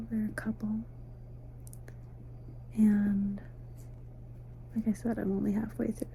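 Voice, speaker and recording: A woman giving a soft, sleepy, casual ASMR ramble, mostly in a breathy whisper, unhurried and intimate as if talking to the listener. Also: mid-range voice, a little hiss or hum, rough recording. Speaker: ASMR host. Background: faint night ambience, crickets outside.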